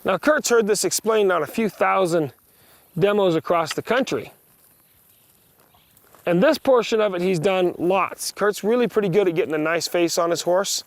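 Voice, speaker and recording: A man teaching a riding lesson, giving brisk, projected commands in short directives along with plain, practical explanation. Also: high voice, dry recording. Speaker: horse riding instructor. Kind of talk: hands-on riding lesson, instructing a student.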